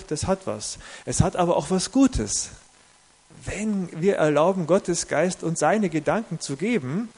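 A man's voice: fairly high pitch, a little mellow. A man preaching a sermon in a conversational, reflective way, with self-corrections, who reads a story aloud.

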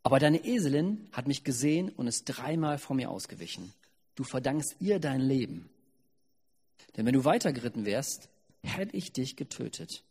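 A man's voice: medium pitch, sing-song, moderate pace, darkish tone, husky. Man playing a grave stern angel. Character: stern male angel with a sword. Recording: long hall reverb.

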